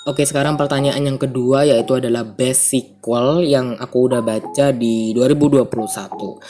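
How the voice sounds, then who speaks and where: A man's voice: mid-range voice, fairly even intonation, normal speed, dark tone, faint music behind. A young man with an Indonesian accent and a congested, stuffy nose, chatting casually to viewers as a book vlogger and slipping in English phrases.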